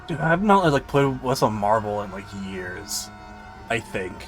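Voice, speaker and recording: A male streamer chatting casually through a watch-along. He rambles and laughs easily, and his pitch swings widely around a mid-range voice. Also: very animated, measured pace, soft background music.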